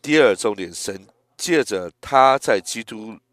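Gentle man in his eighties, slow sermon delivery, low-pitched and dry. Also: expressive, no room sound. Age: 80s. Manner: slow, gentle, reflective, with hesitant restarts. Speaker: preacher.

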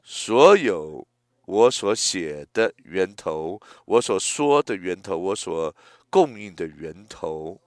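Older male preacher in his 80s, slow and gentle, lowish voice, dry sound. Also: sing-song, no room sound. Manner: slow, gentle, reflective, with hesitant restarts. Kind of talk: sermon.

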